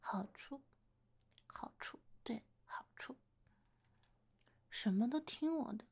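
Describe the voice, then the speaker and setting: A woman's voice: fairly high pitch, slow pace. A woman playing a playful older-sister type who coaxes and teases a younger man confessing to her, in a one-sided romantic role-play. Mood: teasing, coaxing. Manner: coaxing, playful teasing, gentle laughter.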